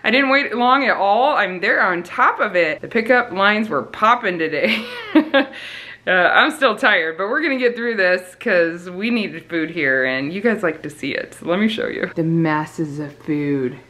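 Laughing often and chatting as she handles her groceries, a woman in her thirties from the United States, mother of a big family, shares a casual haul from her home kitchen. Her fairly low voice sounds pushed and bright, lively in intonation yet unhurried. There's slight background noise.

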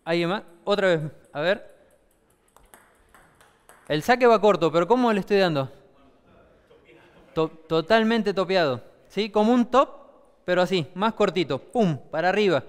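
Argentine coach in a big echoing hall. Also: male voice, high-pitched, lively intonation, a little slow, long pauses, clean tone. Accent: Argentine Spanish. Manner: explains with frequent rhetorical questions. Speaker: table tennis coach. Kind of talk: demonstration class.

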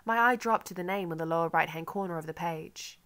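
A woman narrating a first-person literary audiobook in a measured, wry manner. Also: on the low side, fairly bright tone, clear, resonant tone.

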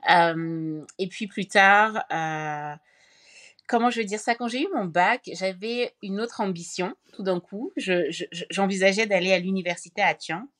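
A woman from Cameroon, a podcast guest, telling her story in a casual interview, pausing often with fillers and restarts. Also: medium pitch, fairly bright tone. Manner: thoughtful, many hesitations and restarts.

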